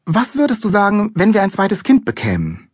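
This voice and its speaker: A man voicing a sharp-tongued mother who snaps at her husband. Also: sits high, wildly swooping pitch, a little fast, husky, no echo, clean studio sound, voice pushed up, full character voice. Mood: questioning. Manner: snapping, indignant.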